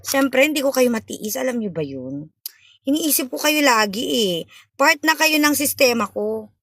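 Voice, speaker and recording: A woman's voice: high-pitched, lively intonation, moderate pace, fairly bright tone, no echo, clean studio sound. A young woman hosting a live stream, chatting playfully and teasing viewers, mixing in English phrases. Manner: playful, teasing, switches between Tagalog and English.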